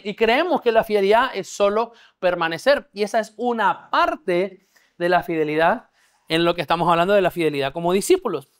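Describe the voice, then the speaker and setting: A man preaching a discipleship sermon. He teaches a live congregation in church, keeps checking that they follow, and has them repeat words back to him. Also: high voice. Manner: checks understanding, leads call-and-response. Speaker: pastor.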